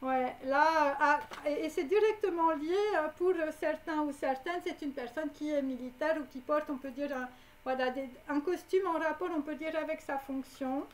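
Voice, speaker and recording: There's slight background noise as a woman with a high voice, at a moderate pace, offers a live psychic prediction. She rambles with plenty of fillers and tags while speaking right to her audience.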